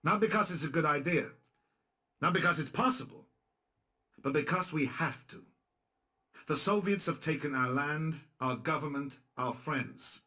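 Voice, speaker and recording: Voicing a dry, blunt male guerrilla commander for a video game cutscene, an actor briefs the character's men with matter-of-fact sarcasm. He speaks in a slightly high, sharp-toned voice, unhurried and with frequent pauses.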